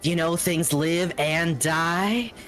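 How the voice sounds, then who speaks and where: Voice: medium pitch, takes it slowly, fairly bright tone, faint music behind. A player voicing a cocky, menacing old male tavern keeper in a sly, theatrical manner during a tabletop game. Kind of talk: tabletop role-play acting.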